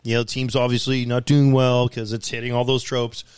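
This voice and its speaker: A man's voice: mid-range voice, level tone, a little fast, a little mellow, clean tone, dry recording. A man co-hosting a casual movie review podcast, swearing freely and acting out scenes from the film. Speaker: podcast co-host.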